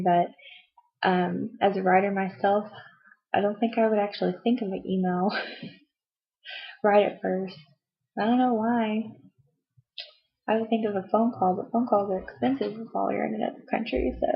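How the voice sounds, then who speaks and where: Young woman, casual book vlogger, husky flat delivery, muffled home-video sound. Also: mid-range voice. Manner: chatty, rambling, frequent "um" and "like", laughs at herself. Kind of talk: casual book review chat.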